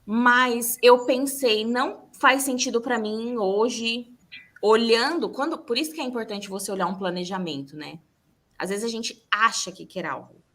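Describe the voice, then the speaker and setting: Brazilian woman podcast host, fairly high voice, lively and frank, acts out quotes in casual chat. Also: measured pace. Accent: Brazilian Portuguese. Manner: candid, animated storytelling with acted-out quotes.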